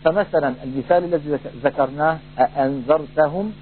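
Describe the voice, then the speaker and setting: A man teaching a Quran recitation lesson, explaining rules in a measured way and slowly drawing out recited examples. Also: fairly high pitch. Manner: measured, drawn-out demonstrations of recited words. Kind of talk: tajwid lesson with demonstrated recitation. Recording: tinny phone-like band, faint hum.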